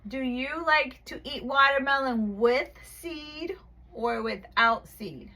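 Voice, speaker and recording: High, bright-voiced woman teaching a child. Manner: slow, exaggerated and cheerful with the child, calm aside to viewers. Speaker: online English teacher. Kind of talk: live online class for a young child. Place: home room at night.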